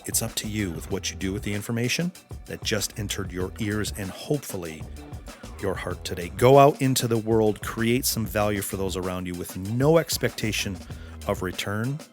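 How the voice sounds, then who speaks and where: A male podcast host giving an earnest, preachy motivational monologue in slow, deliberate phrases. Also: on the low side, faint music behind.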